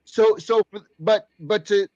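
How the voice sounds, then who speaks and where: Slightly high male pitchman, dull dry recording. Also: slow, dark tone, no room sound. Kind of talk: casual persuasive pitch in conversation. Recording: dull, dry, lo-fi played-back audio.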